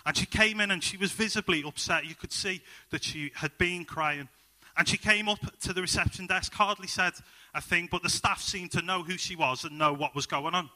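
This young preacher has a Liverpool accent and a high-pitched, bright, forceful voice at a moderate pace. Cheerful and joking, he tells many personal stories and fills his sermon with ums.

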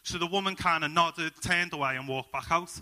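A man's voice: a little high, brisk, sharp tone. A young man with a Liverpool accent preaching a sermon full of personal stories, upbeat and jokey, with plenty of ums.

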